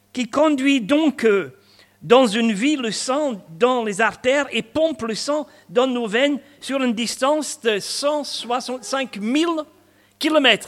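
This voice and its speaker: This Scottish man in his sixties, a pastor, has an extremely high-pitched voice with a fairly bright tone. His sermon is conversational, peppered with humor and side remarks.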